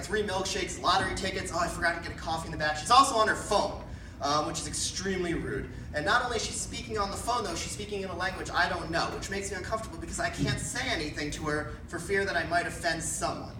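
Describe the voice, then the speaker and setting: On a comedy club stage, a young stand-up comedian rambles through a story full of fillers, acting out the characters. His voice is high-pitched and quick. The recording sounds roomy, with a distant mic and background noise.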